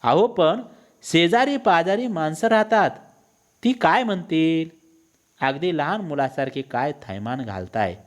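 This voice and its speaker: Exasperated wife scolding her husband, a male teacher putting her on, high, loud, nagging. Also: very animated, normal speed, hardly any pauses, slightly rough. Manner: nagging, raised and reproachful.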